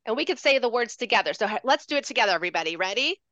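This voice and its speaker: A woman educator giving a playful, animated handwriting demonstration over a video call, calling out strokes in a sing-song teacher voice. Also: fairly high pitch, very fast, no echo, muffled recording.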